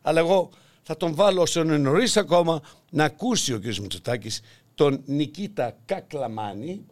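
A man's voice: on the high side, animated. An older man hosting a satirical political monologue, mocking and theatrical, acting out voices as he goes. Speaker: podcast host.

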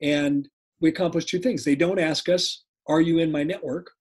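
A man in his sixties speaking conversationally as an interview guest and coach, deliberate and repeating key points. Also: on the high side, fairly even intonation, darkish tone, slightly rough. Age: 60s. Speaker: podcast guest, dental practice coach.

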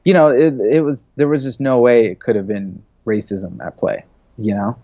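As a casual interview guest, a media creative in his thirties—born in Saudi Arabia, raised in the US—speaks loosely, full of "like"s and "you know"s. His mid-range voice is mellow, with fairly even intonation and normal speed. There's no room sound, and the highs are cut off.

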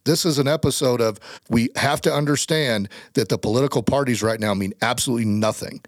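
American man on a loud soapbox rant. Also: mid-range voice, fairly quick, no room sound, clean studio sound. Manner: loud soapbox ranting, emphatic; coarse, blunt wording. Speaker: podcast host. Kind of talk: political rant on a podcast.

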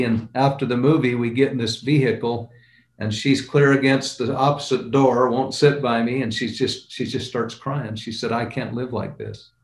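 A man's voice: mid-range voice, a little mellow. Older guy telling his life story, earnest, echoey room. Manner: earnest, unhurried recollection. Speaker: guest entrepreneur. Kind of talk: personal storytelling. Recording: roomy echo.

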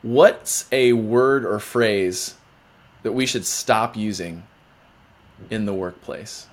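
A man's voice: lowish voice, slow. A man hosting a casual interview, upbeat and jokey, with plenty of fillers. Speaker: podcast host.

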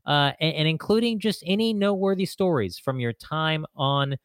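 A man's voice: fairly high pitch, expressive, normal speed, clean tone, no room sound. A man hosting a podcast interview, friendly and organized, steering guests through their stories. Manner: friendly, structured questions, laughs along. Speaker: podcast host.

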